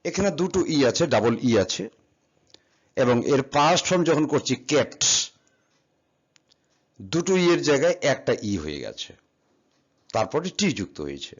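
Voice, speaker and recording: In a classroom lesson on verb forms, a man teaches English grammar, patiently spelling words letter by letter and posing questions he then answers himself. His voice is a little high, husky, and very animated, at normal speed with long pauses. The sound is slightly dull and lo-fi.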